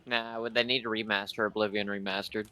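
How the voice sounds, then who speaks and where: Bright-voiced quipping man. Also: on the low side, little pitch movement, fairly quick. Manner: quips, short interjections. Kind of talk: casual gaming chat.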